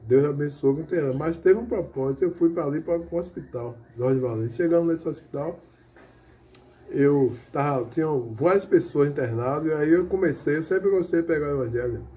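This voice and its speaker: A man's voice: fairly high pitch, warm tone. A middle-aged man gives a personal testimony at a church service. He tells his story earnestly and keeps calling his listeners brother. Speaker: church member giving testimony.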